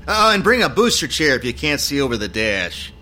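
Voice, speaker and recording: A man's voice: medium pitch, big pitch swings, a little fast, bright, forceful tone. A man voicing a grumpy veteran tech repairman with a sarcastic, mocking manner.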